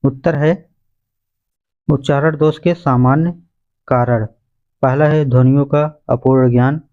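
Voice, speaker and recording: A male teacher works through exam questions and answers point by point in a revision lesson, calling his listeners friends. His voice is medium-pitched, steady and a little slow, and the audio is dull.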